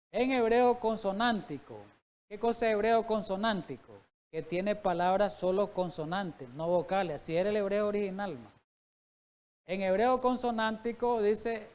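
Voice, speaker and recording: High-voiced man preaching a Bible study. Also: a little mellow, clear, resonant tone. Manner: reads scripture aloud, then explains it with rhetorical questions.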